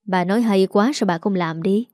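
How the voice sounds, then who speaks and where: A woman's voice: medium pitch, animated, brisk, mellow, dry recording, clean studio sound, natural voice. A woman voicing a hot-tempered, crude grown son who roars and curses, in a Southern Vietnamese accent. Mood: grumbling. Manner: roaring, cursing.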